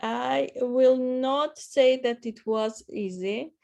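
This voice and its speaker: A woman, answering interview questions hesitantly with many pauses and fillers. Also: sits high, vocal fry, a little mellow. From Armenia. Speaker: guest.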